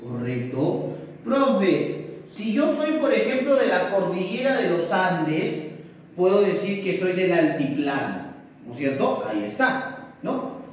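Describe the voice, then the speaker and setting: A young male teacher, filmed from across an indoor whiteboard room, talks through a lesson in a fairly high voice at an unhurried pace. He keeps asking questions as if he were a student, answers them himself and checks in with tag questions. The sound is very echoey and a little distant. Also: big pitch swings, a little hiss or hum. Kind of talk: classroom lesson recorded for distance learning. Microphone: camera across the room.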